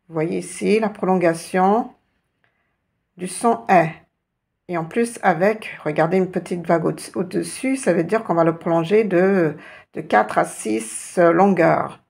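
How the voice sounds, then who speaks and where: A woman teaching letters in a slow, patient reading lesson, repeating each sound and asking the viewer questions. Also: on the low side, creaky, darkish tone, husky. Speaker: Arabic teacher.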